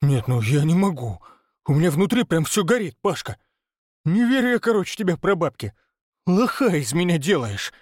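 A man voicing a furious, hysterical business partner who yells at his associate in an audiobook. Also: a little high, huge pitch swings, slow pace, pauses often, dry recording, studio quality, voice pushed up, full character voice. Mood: indignant. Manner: yelling, hysterical. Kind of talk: audiobook narration.

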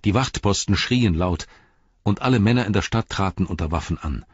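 A man narrating an audiobook in a steady, measured storytelling voice. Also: deep voice, slightly rough, no echo. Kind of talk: scripted narration. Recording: dull, slightly lo-fi dry recording.

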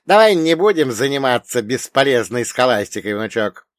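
A man's voice: medium pitch, sing-song, moderate pace, dry recording, clean studio sound, close to an everyday voice. A man voicing a learned old dead grandfather who lectures with a mocking, grumbling manner. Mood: lecturing.

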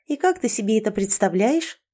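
A woman reading the lines of a feisty, sarcastic young woman in an audiobook, a touch higher than her own voice. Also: very animated, dark tone, breathy edge. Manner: quick-tempered, mocking.

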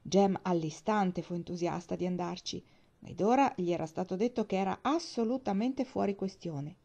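A woman narrating an audiobook in an expressive storytelling manner. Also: fairly low pitch, moderate pace, creaky. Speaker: audiobook reader. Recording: dull lo-fi recording.

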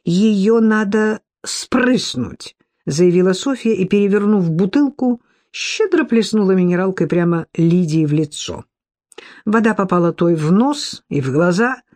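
A woman reading a comic novel aloud as an audiobook narrator, in a lively, expressive way. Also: on the low side, normal speed. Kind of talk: scripted narration.

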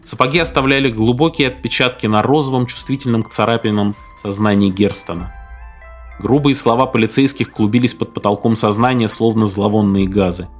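A man's voice: on the low side, brisk, soft background music. Man reading a story aloud. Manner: acts out every figure's lines himself. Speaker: narrator. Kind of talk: audiobook narration.

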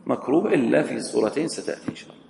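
Man, religious teacher, reads and quizzes students, gravelly voice, long hall reverb. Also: mid-range voice, lively intonation, very fast, a little mellow. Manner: reads the text aloud, then explains and quizzes students. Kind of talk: classroom lesson on a legal text. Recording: roomy hall with long echo.

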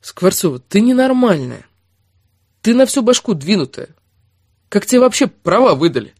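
A man voicing a blunt, exasperated young man in an audiobook, scolding and sometimes going cold and flat. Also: fairly high pitch, normal speed, no echo, clean studio sound, lightly acted. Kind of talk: audiobook character reading.

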